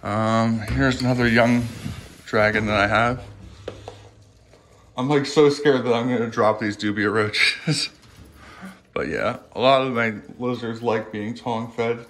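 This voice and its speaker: A man filming himself on a handheld phone camera in a pet room at home, chatting casually and coaching his lizards with a high, coaxing voice. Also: measured pace, pauses often, a bit bright, a little hiss or hum. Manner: chatty, filler-heavy, coaxing pets in a high sing-song voice. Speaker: reptile keeper filming his pets. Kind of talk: casual vlog narration.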